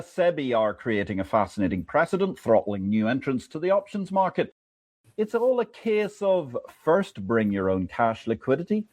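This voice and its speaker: A man hosting a finance livestream, delivering opinionated market commentary and interviewing a guest in an emphatic, wry manner. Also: no echo. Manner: animated, emphatic delivery with wide pitch swings. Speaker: livestream host. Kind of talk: finance show monologue and interview.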